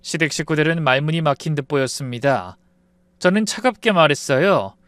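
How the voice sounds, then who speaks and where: A man's voice: fairly high pitch, animated, fairly quick, fairly bright tone, smooth, no echo. A man reading a scripted first-person story, told as the wife. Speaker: narrator.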